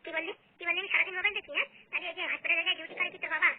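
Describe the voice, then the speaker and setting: Woman playing mouthy young wife, high and super fast, tinny phone audio. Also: fairly even intonation. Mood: mocking quarrel. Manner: mocking, quarrelsome. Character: sharp-tongued young wife, mocking and defiant. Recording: phone-like narrow sound.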